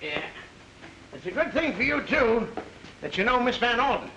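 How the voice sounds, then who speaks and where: An actor playing a gruff, bossy small-town policeman in a 1930s film, blustering and using tough-guy slang. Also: extremely high pitch, very animated, moderate pace, lo-fi sound. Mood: scolding. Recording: old film soundtrack with hiss.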